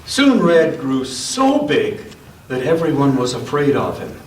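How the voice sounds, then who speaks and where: Reading aloud to a church gathering of all ages, this storyteller has a mid-range, sing-song voice. He leans on dramatic pauses and emphasis, stopping to chat casually with the audience between parts of the children's tale. A far-off microphone catches the room's echo and a little background noise.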